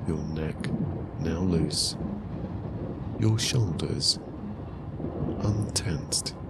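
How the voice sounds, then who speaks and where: A man narrating a guided sleep story in a calm, soothing, hushed voice with long pauses. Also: rumbling low, vocal fry, very noisy.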